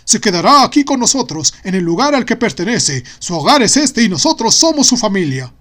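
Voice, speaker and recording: A stern, commanding father from an audiobook novel, acted out by a male narrator. He speaks in emphatic declarations, with a raised, higher-pitched voice. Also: expressive, brisk, fairly bright tone. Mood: loud, indignant. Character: stern, commanding Afghan father, adult man.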